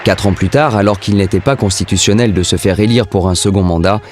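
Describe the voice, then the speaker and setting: A man's voice: on the low side, fairly quick, noisy background. A man reading scripted narration for a historical documentary.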